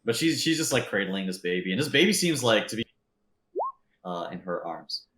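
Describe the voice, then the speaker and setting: A man's voice: lowish voice, big pitch swings, moderate pace, fairly bright tone, reverberant. A man running a tabletop game as game master, narrating casually with lots of "like" and "uh". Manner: rambling, full of "like" and "uh".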